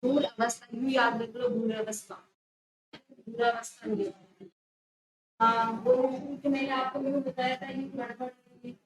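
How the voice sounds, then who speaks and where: Woman teacher, high voice, exam review lesson, firm corrections, roomy echo. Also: level tone, normal speed. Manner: correcting students firmly, repeating the word under discussion. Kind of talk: exam prep lesson going over a test. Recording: echoey room with faint noise.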